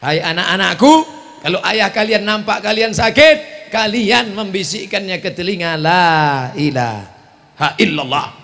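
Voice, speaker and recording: A male Islamic preacher giving a humorous sermon, swinging between hushed and shouting. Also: sits high, normal speed.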